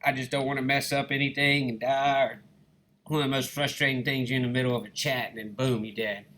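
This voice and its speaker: With a Southern Alabama accent, this man from Alabama, United States, runs a gaming channel and narrates his gameplay in an easygoing, folksy, casual way, saying "guys" and "y'all" to viewers. His medium-pitched voice sounds pushed and bright, with flat delivery at a fairly quick pace.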